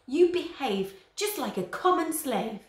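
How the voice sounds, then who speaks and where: A woman's voice: mid-range voice, lively intonation, moderate pace, far from the mic, lightly acted. A woman putting on a snappish stern Roman father. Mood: snapping. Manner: sharp, scolding. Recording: roomy echo.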